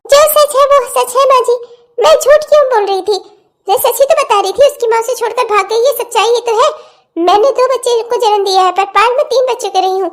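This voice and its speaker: A woman voicing a resentful, sharp-tongued aunt in a cartoon comedy, talking back with sarcasm. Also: brisk. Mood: sarcastic. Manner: shrill, sarcastic, complaining.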